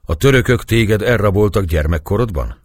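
A man voicing a calm, shrewd priest questioning a prisoner, with a husky voice. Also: fairly low pitch, dry recording, clean studio sound, pitched above the performer's own voice. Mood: probing. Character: calm, shrewd Hungarian male priest, sharp and probing.

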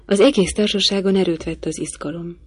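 A woman reading a classic novel aloud as audiobook narrator, measured and even. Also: lowish voice, slightly rough, no echo. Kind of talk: scripted narration.

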